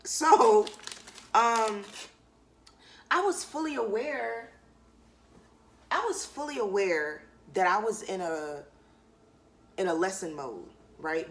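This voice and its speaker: A young woman vlogging to camera, talking in a candid, relaxed way with loose slang and lots of fillers while she eats. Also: mid-range voice, a little hiss or hum. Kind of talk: casual chat to camera.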